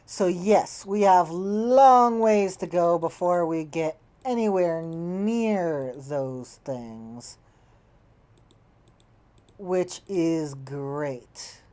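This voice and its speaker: A woman's voice: on the low side, extremely slow, warm tone. A woman playing a strategy game, thinking aloud and musing to herself, often trailing off mid-thought as she tallies numbers. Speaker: game player. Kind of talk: casual gameplay commentary, thinking aloud.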